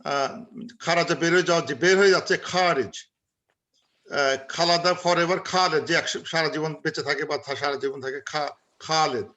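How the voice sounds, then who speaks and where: Bangladeshi male teacher, bright forceful tone, video-call lecture, repetitive drilling with fillers. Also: a little high, steady tone, moderate pace. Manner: drills words by repeating them, with frequent filler sounds. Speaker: Arabic grammar teacher. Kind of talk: online class lecture.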